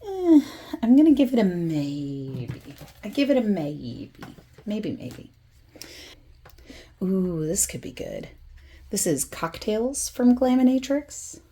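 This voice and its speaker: Soft-spoken, mellow woman chatting slowly. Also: mid-range voice, very animated. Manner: rambling, self-deprecating, giggly asides. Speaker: makeup vlogger. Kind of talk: soft-spoken casual chat.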